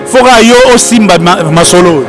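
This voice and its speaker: A man's voice: high voice, moderate pace. A man working as a reporter, running a chatty, playful street interview at a train station. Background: music.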